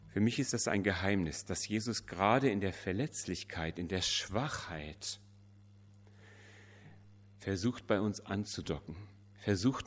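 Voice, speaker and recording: A man preaching a sermon, telling a story in an earnest way with emphatic pauses. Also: fairly low pitch.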